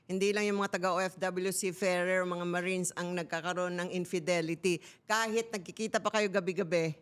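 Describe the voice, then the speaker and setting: A woman's voice: on the low side, steady tone, moderate pace, smooth. A middle-aged woman candidly telling a personal story on a talk show, switching between Tagalog and English. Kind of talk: casual talk-show chat.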